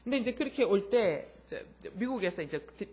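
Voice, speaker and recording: Husky-voiced woman pastor preaching. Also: mid-range voice, lively intonation, a little fast, a little mellow. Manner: addresses the congregation directly with rhetorical questions; tells anecdotes, acting out the voices. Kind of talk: sermon.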